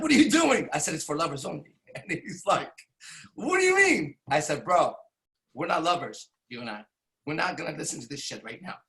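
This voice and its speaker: Gravelly and a bit high, with a sharp edge, this forties-aged podcast host from Iran rambles through a candid, foul-mouthed personal anecdote. He keeps restarting sentences and tacking on tag questions.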